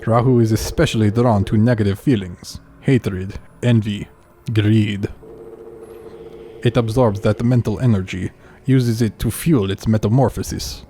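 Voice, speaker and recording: A man voicing a grave male informant in a put-on Russian accent, reading game dialogue aloud slowly and solemnly. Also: fairly low pitch, fairly even intonation, dark tone, slight background noise.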